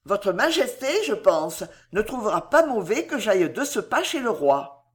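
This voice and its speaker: A woman's voice: mid-range voice, very animated, moderate pace, natural voice. Storybook confidante, glacial and cutting, formally polite, read by a woman. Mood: icy. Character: cold, scheming female royal confidante.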